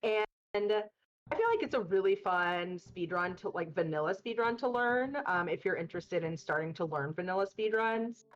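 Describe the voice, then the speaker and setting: A woman's voice: medium pitch, expressive, normal speed. Woman on a muffled, tunnel-like webcam mic. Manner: upbeat, chatty, many fillers. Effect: muffled webcam mic that sounds like a tunnel. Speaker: speedrun race commentator. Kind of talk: casual commentary chat. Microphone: built-in webcam mic.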